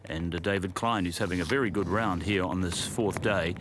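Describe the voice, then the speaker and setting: A man's voice: low-pitched, fairly quick, noisy background. A man anchoring golf tournament commentary, describing play in a presenterly, conversational way.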